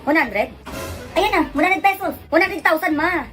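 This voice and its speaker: A woman in comic family skits, talking in a quick, scolding, exasperated way. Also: extremely high pitch. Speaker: comedy skit creator. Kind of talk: comic skits playing several family roles. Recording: skit clip with loud music behind.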